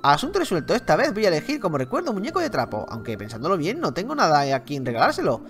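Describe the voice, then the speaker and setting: A man with a Spain Spanish accent reading aloud the lines of a chatty, tiresome male game character, a bit lower and softer than his own talk. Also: huge pitch swings, quick pace, faint music behind, full character voice.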